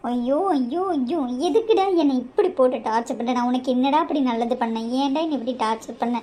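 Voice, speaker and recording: A woman's voice: high-pitched, fast, mellow, lightly acted. A woman voicing a married young woman in a cartoon who scolds and pleads with an exasperated edge. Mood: pleading. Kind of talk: cartoon voice acting.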